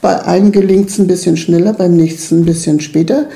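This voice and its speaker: A middle-aged woman with a gravelly, mellow voice speaks in an earnest, emphatic way. She is being interviewed about her work with children and keeps checking that her listener agrees. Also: lowish voice, steady tone, fairly quick. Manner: earnest, emphatic, often asks "ne?". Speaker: children's club leader. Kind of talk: interview conversation.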